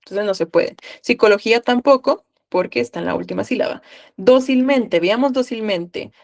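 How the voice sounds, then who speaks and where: A woman's voice: a little high, fairly quick, gravelly, darkish tone. A woman from Guatemala with a Guatemalan accent, tutoring a live online class and coaxing students with questions.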